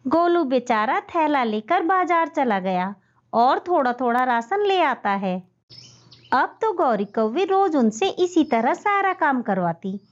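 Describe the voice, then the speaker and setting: A woman's voice: high-pitched, big pitch swings, slow. A woman storyteller reading scripted narration for a children's tale. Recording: dull lo-fi audio.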